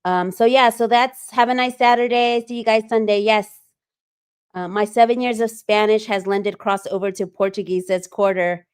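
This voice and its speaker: A woman's voice: medium pitch, steady tone, normal speed, smooth. Chatty woman hosting a livestream. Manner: chatty, reads viewer comments aloud with filler ums. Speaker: livestream host. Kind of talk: casual livestream chat.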